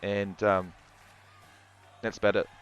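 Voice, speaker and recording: A man's voice: fairly low pitch, flat delivery, slow pace, smooth, highs cut off, soft background music. A man with a New Zealand accent casually commentating a football livestream and reading out chat, rambling and restarting often.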